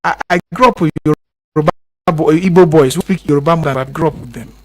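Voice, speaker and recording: A man's voice: a little high, fast. A Nigerian man speaking as a radio guest, impassioned and repetitive, pushing harder as he stresses his points. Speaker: guest commentator. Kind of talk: radio interview.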